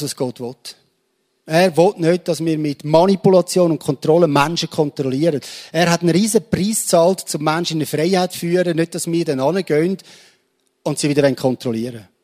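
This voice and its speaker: A man preaching a sermon in earnest storytelling, letting phrases sink quietly at their ends. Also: a little high.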